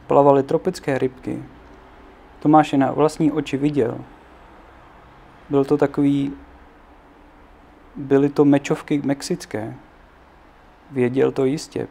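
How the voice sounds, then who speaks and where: A man reading a children's book aloud in an unhurried way, now and then adding offhand asides of his own. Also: mid-range voice, vocal fry, mellow. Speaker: narrator.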